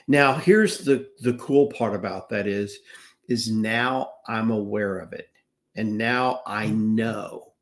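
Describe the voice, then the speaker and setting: A man's voice: lowish voice, takes it slowly. A man in his sixties in casual live-stream talk, earnest and rambling, often restarting his sentences. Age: 60s. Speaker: wellness business owner.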